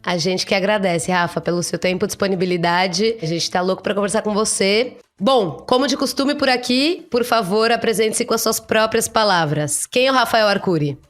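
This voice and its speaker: A woman's voice: mid-range voice, normal speed, few pauses, faint music behind. A woman hosting a podcast interview, greeting the audience with enthusiasm and asking eager questions. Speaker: podcast host.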